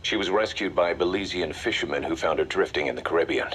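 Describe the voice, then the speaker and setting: An actor playing a military intelligence strategist in a video game, delivering a grave, deliberate, commanding briefing. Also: male voice, sits low, fairly bright tone, breathy edge. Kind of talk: video game voice acting, mission briefing dialogue.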